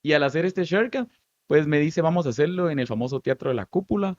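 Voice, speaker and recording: A Guatemalan man in his thirties, a stage actor, telling lively stories from his life in an interview, with a Guatemalan Spanish accent. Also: on the high side, fast talker, no room sound, muffled recording. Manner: animated, lively storytelling with many asides. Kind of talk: storytelling interview answers.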